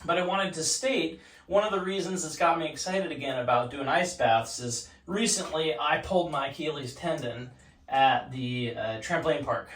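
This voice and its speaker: A man's voice: fairly high pitch, normal speed, a bit bright, distant mic. A man talking casually and instructively to the camera while sitting in ice cold water in a home bathtub. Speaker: vlogger demonstrating ice baths. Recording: echoey bathroom, off-mic, water noise.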